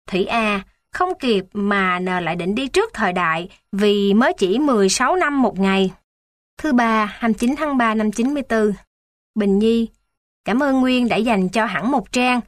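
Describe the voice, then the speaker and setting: A woman reading aloud old class diary entries in a calm, lightly amused way. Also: mid-range voice, no room sound, studio quality.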